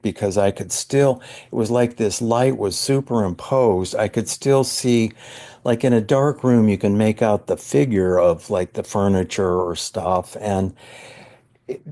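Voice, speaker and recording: A man, a psychologist guest on a podcast, earnestly recounting a personal spiritual experience, often halting and searching for words. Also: lowish voice, dark tone.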